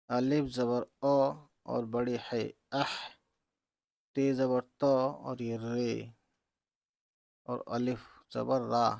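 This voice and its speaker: A man's voice: medium pitch, gravelly, no echo, clean studio sound. A man teaching reading, spelling out letters and vowel marks one by one, often checking in with "okay". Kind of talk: slow letter-by-letter reading lesson.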